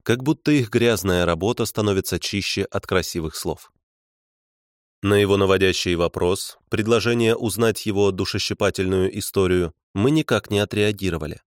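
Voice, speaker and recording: A man's voice: low voice, moderate pace, dry recording. A man narrating an audiobook in the first person, with a dry, wry storytelling manner.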